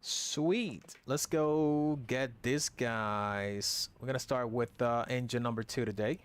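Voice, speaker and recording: A man's voice: medium pitch, takes it slowly, smooth. Casual man streaming a flight simulator. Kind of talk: casual live gaming commentary.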